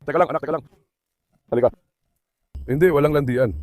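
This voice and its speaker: Isang lalaking nagkukuwento sa mga manonood habang inaalo ang kanyang mga aso. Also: male voice, on the high side, fast talker, a little mellow, dry recording. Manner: talks to viewers and coaxes his dogs. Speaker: dog owner narrating his dogs. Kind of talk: casual vlog commentary.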